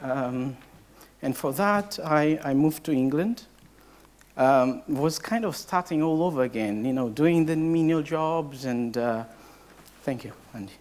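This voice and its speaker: A man's voice: a little high, unhurried, darkish tone. Hesitant young man. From Portugal. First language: Portuguese. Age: young adult. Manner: hesitant, heavy with filler sounds and restarts. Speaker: case study speaker at a training event. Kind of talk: personal story told to a live audience.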